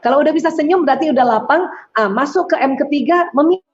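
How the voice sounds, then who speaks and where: A middle-aged woman talks as a doctor giving religious self-help advice. Her voice sits fairly high, and she acts out short prayers with animated warmth of delivery. The sound is dull and lo-fi. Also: fast. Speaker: doctor and speaker answering questions.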